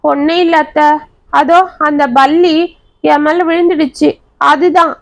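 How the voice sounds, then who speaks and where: A woman voicing a frightened young schoolgirl who speaks haltingly through tears. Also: high voice, steady tone, pitched above the performer's own voice, poor audio. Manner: hesitant, halting, tearful.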